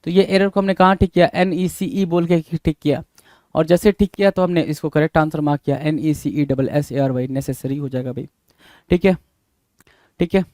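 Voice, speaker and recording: Guy teaching spelling, fairly high voice, dry close sound, keeps repeating words and saying bhai. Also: steady tone, darkish tone, no echo. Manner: repetitive, drawn-out and emphatic, often calls listeners bhai. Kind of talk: spelling lesson, spelling words out letter by letter.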